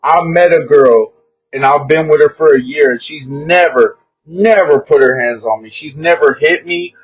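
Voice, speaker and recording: A young man from Kentucky with a husky, fairly high voice calls in as a guest, talking at a normal speed over tinny, phone-like audio. His earnest, casual chat is emphatic and repetitive, and he says "bro" a lot.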